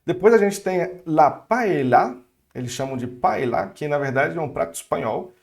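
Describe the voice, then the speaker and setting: A man's voice: a little high, lively intonation, normal speed, gravelly, a little mellow. A young man with a Brazilian Portuguese accent teaching a casual online French lesson, chatty and upbeat with friendly asides.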